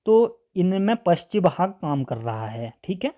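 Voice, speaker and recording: In an online grammar lesson, a teacher with a medium-pitched, mellow, very animated voice speaks at a measured pace. They pose questions and answer them themselves, sound out the vowels one at a time, and tack on "ठीक है" ("okay") as a check-in after almost every point.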